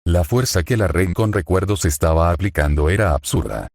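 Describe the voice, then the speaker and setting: Deep synthetic male story narrator. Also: normal speed, dry recording, studio quality. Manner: even, reads speaker tags and notes aloud. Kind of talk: synthetic fan-fiction narration.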